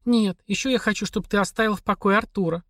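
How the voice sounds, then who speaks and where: A man doing a raspy, desperate wife. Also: high voice, steady tone, fast, a bit bright, no echo, clean studio sound, voice pushed up. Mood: accusing. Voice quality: hoarse whispery. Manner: pleading then hissing with hatred. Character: worn-down, desperate, bitter wife.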